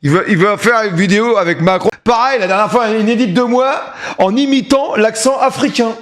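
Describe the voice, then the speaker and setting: A middle-aged man chatting and joking on a live stream, with loud hype bursts. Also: high voice, fairly quick. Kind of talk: casual live-stream chat.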